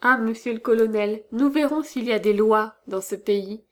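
A woman's voice: on the high side, normal speed, natural voice. A woman voicing a pompous, cowardly male provost who blusters with indignation in a storybook reading. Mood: indignant.

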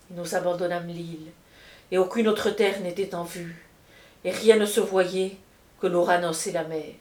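A woman reading an ancient epic aloud as scripted narration, measured and solemn. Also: lowish voice. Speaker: audiobook reader. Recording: roomy echo.

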